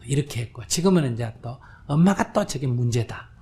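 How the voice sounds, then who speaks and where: A man's voice: mid-range voice, animated, fairly quick, warm tone. An older man, a Buddhist monk, giving a conversational question-and-answer dharma talk, often asking listeners whether they understand and acting out quoted voices. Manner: acts out quoted voices, drops to whispers. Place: lecture hall with audience.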